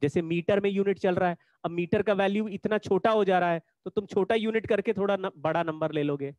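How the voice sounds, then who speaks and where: A man's voice: sits high, a little fast, darkish tone, no room sound. A man teaching a physics lesson in an online class, explaining patiently and repeating the key points.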